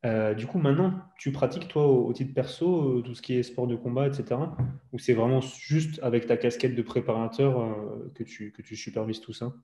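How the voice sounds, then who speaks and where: A French podcast host on fitness asks long, rambling questions packed with fillers during a casual interview. His mid-range voice is warm, a little fast, with few pauses.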